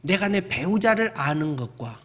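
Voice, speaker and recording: A man's voice: high voice, sing-song, normal speed, fairly bright tone. A middle-aged male pastor giving a sermon in a conversational way, acting out little everyday exchanges. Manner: conversational preaching with acted-out everyday dialogue.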